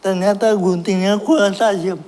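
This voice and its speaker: A man's voice: high voice, steady tone, normal speed, darkish tone. A man preaching a personal testimony, self-mocking and laughing at his own story, earnest when recounting his prayers.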